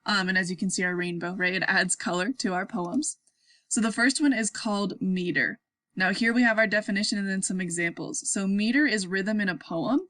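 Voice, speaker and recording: Young woman teacher doing an online class, upbeat and chatty, crisp bright voice, totally dry sound. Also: medium pitch, brisk, dry recording. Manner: upbeat, chatty, checks in with "okay?" and "right?". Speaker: sixth-grade teacher. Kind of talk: casual remote lesson.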